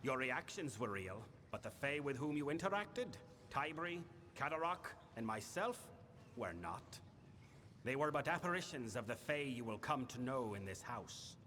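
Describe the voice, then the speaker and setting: An actor playing a solemn, imperious Fae lord in a fantasy game, speaking in a grave, measured, formal way. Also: male voice, medium pitch, sing-song, pushed and bright. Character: solemn, imperious male Winter Fae lord of a failing house. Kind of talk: scripted fantasy game dialogue. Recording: long hall reverb, background noise.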